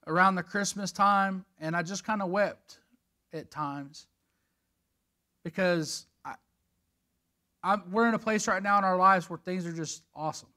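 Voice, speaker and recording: A middle-aged man preaches a church lesson in a high, bright voice. He speaks earnestly and emotionally, telling personal stories and often restarting his sentences. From Texas. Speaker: church leader giving a lesson.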